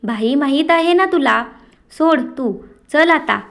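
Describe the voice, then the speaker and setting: A woman's voice: high voice, animated, slow pace, a bit bright, heavily acted. A woman voicing a cheerful young woman about to marry.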